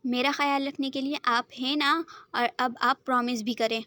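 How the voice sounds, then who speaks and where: A woman's voice: high-pitched, steady tone, normal speed, sharp tone, no echo. A woman voicing a stubborn, hot-tempered young man who talks in a sulky, petulant way, in a dry recording. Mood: pleading, stubborn.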